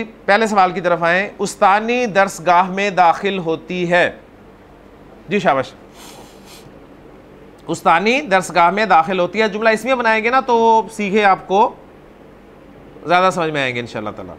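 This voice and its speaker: A man teaching an Arabic grammar class, explaining patiently, calling on students by name and repeating words slowly. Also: high voice, expressive, a bit bright, a little hiss or hum.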